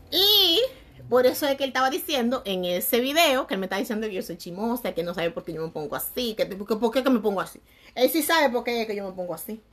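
A young woman chatting to her viewers, lively and laughing, with crude slang and sudden swings between loud and soft. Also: mid-range voice. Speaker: vlogger. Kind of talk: casual chat to viewers.

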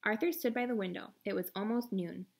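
A woman's voice: medium pitch, fairly quick, creaky, noisy background. A woman reading a picture book aloud to children, adding short friendly asides to viewers. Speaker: story reader.

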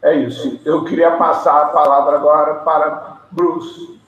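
Male meeting host, slightly higher voice, measured delivery; heavy cave-like echo on a dull call line. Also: level tone, a bit bright. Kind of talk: formal talk in an online meeting. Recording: echoey, dull video-call audio.

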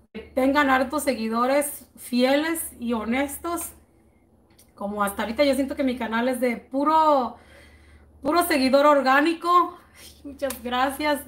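A woman hosting a baking channel live stream, chatting casually with viewers, greeting them by name with slow drawn-out words and thinking aloud as she works out prices. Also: sits high, fairly bright tone.

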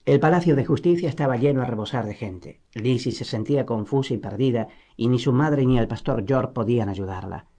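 Male narrator, mellow dark tone, mid pitch, measured audiobook reading. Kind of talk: scripted narration.

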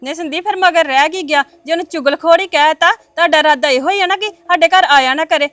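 A woman's voice: sits high, quick pace, fairly bright tone, no room sound. A woman plays an offended neighbor who complains in an aggrieved tone. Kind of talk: family web series acting.

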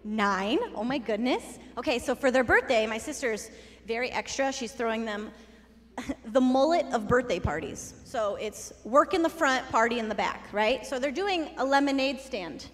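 A woman's voice: a little high, moderate pace. A woman leading a children's message in church, talking playfully and conversationally to the kids. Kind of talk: children's sermon. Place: church sanctuary. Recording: long church reverb.

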